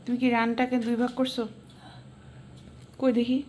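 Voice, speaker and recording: A woman's voice: a little high, flat delivery, unhurried, darkish tone, slight background noise. Chatty young Bengali-English woman vlogger. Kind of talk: casual home vlog. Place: home kitchen and rooms, indoors. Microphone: handheld camera.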